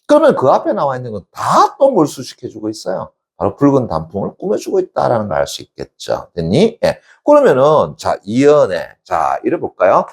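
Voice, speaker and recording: A middle-aged male literature teacher, giving an exam-prep lecture. His pitch leaps and dips constantly as he talks. He keeps firing off quick check-in questions and then answers them himself. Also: wildly swooping pitch, creaky, breathy edge.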